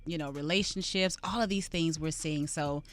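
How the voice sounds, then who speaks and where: A woman guest on a radio show, a health practitioner giving measured, thoughtful answers in casual conversation. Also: low voice, soft background music. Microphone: studio mic.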